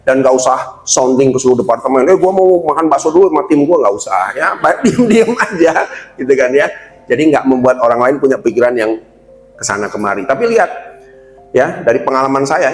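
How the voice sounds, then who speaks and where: A middle-aged man from Indonesia giving a leadership training talk to company staff. He often addresses the audience as sir and acts out quoted staff and bosses in snappy voices. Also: medium pitch. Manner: addresses the audience as Pak again and again. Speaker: corporate trainer.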